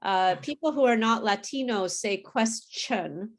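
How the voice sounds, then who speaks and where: Friendly woman teaching English pronunciation. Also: a little high. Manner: friendly, explains slowly and checks understanding with okay. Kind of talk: live online group class.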